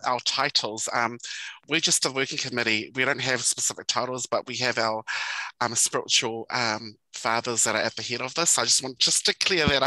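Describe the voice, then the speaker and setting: A woman talks as a guest in a casual interview. Her voice is bright and forceful in a dry, close sound, and she is modest and plain-spoken. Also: extremely low pitch, no room sound, low-quality recording. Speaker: podcast guest, community committee member.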